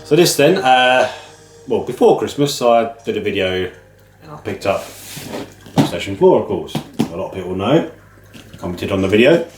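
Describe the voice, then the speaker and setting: Low-voiced British man with a nasal cold. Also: very animated, normal speed. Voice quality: slightly nasal, bunged up with a cold. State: man flu, a head cold. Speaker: host of a video game pick-ups channel. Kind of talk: casual chat to camera. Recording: roomy echo, music underneath. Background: music.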